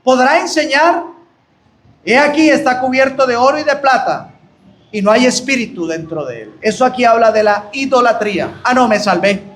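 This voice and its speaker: Preaching with fervor at a Bible study, a Colombian-accented man addresses his brethren as "hermanos" and climbs in pitch on exclamations. His very high, slightly bright voice moves at normal speed over slight background noise.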